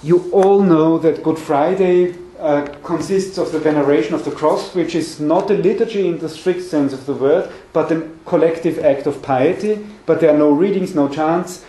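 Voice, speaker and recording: A man in his forties, lecturing academically at a seminar, talks at a moderate pace with hardly any pauses, yet he's hesitant and keeps repeating words while searching for phrasing. His voice is mellow and on the high side. He's indoors in a meeting room with a conference table, recorded at a distance in an echoey room.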